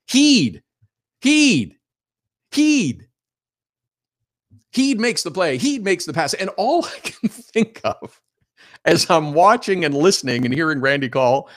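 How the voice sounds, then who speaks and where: A man's voice: on the high side, a bit bright. A man hosting a hockey radio show, talking in a chatty, opinionated way and laughing as he tells stories. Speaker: sports radio host. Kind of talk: casual hockey radio talk.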